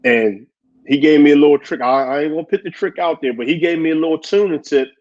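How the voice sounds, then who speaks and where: A man co-hosting a casual chat, animated, laughing often and acting out quotes. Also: fairly high pitch, quick pace. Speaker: podcast co-host. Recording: dull lo-fi audio.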